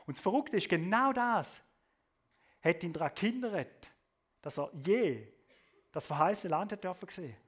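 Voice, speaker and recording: Man, preacher, high voice, sermon delivery that swings between loud emphasis and soft asides, tag questions. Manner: often adds a questioning "oder?" tag.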